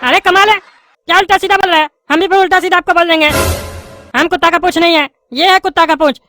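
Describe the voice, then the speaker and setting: A woman's voice: very high-pitched, steady tone, quick pace, sharp tone, dry recording, faint music behind. A woman voicing a bald, argumentative male politician who is a student. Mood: arguing. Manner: argumentative, stumbles reading English aloud. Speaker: student in a class. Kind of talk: cartoon comedy voice acting.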